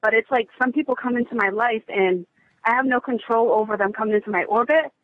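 A woman calling in to a show, talking fast and earnestly and a bit out of breath. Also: fairly high pitch, no room sound. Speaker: caller. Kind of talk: caller asking a question. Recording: tinny, dry phone line.

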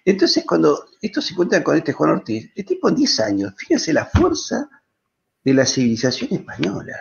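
An Argentine man speaking as a guest historian, telling a historical story with lively digressions and voicing the people in it. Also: a little high, fairly quick, creaky, lo-fi sound, a little hiss or hum. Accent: Argentine Spanish. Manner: lively, digressive, voices quoted characters. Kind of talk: animated storytelling in a panel discussion.

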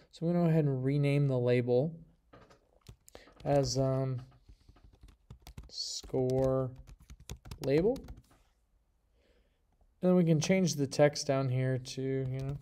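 A man's voice: mid-range voice, mellow, clean tone. A man teaching a coding lesson in a casual, chatty way, with joking asides and lots of fillers. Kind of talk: casual screen-recorded coding tutorial.

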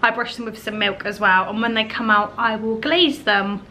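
Working in her home kitchen, a woman in her thirties from Britain chats her way through a baking demo for her vlog, musing informally as she goes. She speaks at normal speed in a steady, sharp, medium-pitched voice, with dishes clattering and other household sounds behind her.

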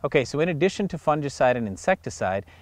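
A middle-aged American man hosts a farm show outdoors in a field, giving a scripted educational talk steadily and plainly. His voice is a little high, very animated and quick, recorded dry on a lapel mic.

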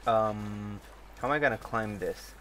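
A man's voice: fairly low pitch, a little slow, fairly bright tone. A man chats wryly over his own gameplay, poking fun at his mistakes in a mid-range voice. Noisy game sound plays behind him. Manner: wry, self-mocking. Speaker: gaming YouTuber. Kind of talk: casual gameplay commentary.

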